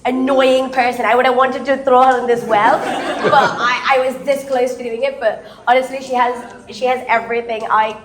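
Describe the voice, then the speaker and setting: A young woman, raised in England, giving a halting speech full of fillers and introducing her family. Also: high-pitched, steady tone, noisy background. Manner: halting, with fillers and frequent laughs, mixing English and Malayalam. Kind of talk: affectionate speech, then casual chat. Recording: crowd chatter behind.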